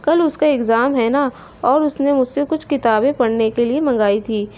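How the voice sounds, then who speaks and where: An outspoken young woman from a storybook who speaks her mind, as a woman narrator puts her on. The voice is fairly high and mellow, with little change from the narrator's own. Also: normal speed, close to an everyday voice. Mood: plain. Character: outspoken young female friend. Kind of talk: storybook character voice.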